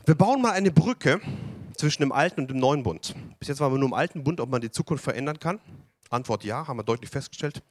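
A man preaching a sermon to a congregation, animated and asking them questions. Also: medium pitch, quick pace, dry recording, studio quality. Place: church hall with audience.

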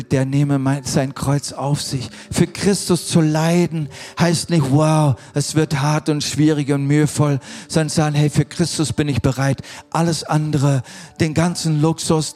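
Fervent man preaching a sermon. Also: a little high. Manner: emphatic, repeats key words, drops to quiet intense tones.

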